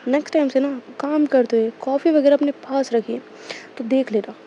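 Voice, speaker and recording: A woman voicing a protective young woman, high and mellow. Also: steady tone, normal speed. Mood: stern. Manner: soft soothing tone, sharp when scolding. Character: caring young woman, protective yet stern. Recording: dull lo-fi recording, faint hiss.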